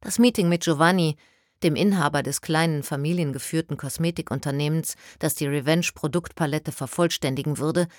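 Low-voiced woman reading an audiobook. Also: brisk, dry recording, studio quality. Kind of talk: scripted audiobook narration.

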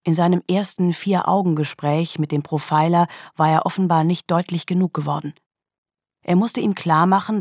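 A woman narrates a crime novel in a calm, even storytelling manner. Her voice sits low and sounds dry and close, with no room around it. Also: husky, no echo. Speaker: audiobook reader. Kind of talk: scripted narration.

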